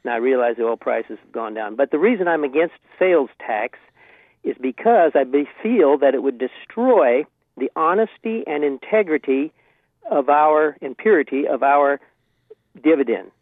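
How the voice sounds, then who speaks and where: A man's voice: mid-range voice, expressive, no echo, phone-quality sound. Male caller over a landline phone. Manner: earnest and halting, with many restarts and fillers. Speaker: radio call-in caller. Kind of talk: call-in opinion on a talk radio show.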